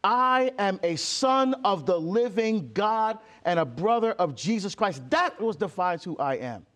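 A man's voice: high voice, lively intonation, a little slow, fairly bright tone. A man from Barbados, a deacon and author, speaking emphatically as an interview guest and acting out quoted exchanges. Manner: emphatic, acts out quoted exchanges, many fillers and restarts. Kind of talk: impassioned conversational interview.

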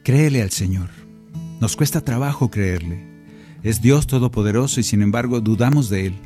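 Man, warm dark voice, earnest conversational preaching, soft guitar behind, studio recording. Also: on the low side, normal speed. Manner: earnest, gently persuasive, speaks directly to the listener.

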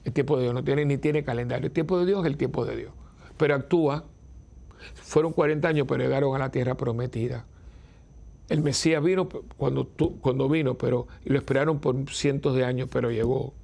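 A man's voice: mid-range voice, brisk, vocal fry, a little mellow. An older man, a priest giving an informal spiritual talk in a conversational, chuckling way that often stops and restarts. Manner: conversational, self-interrupting, chuckling.

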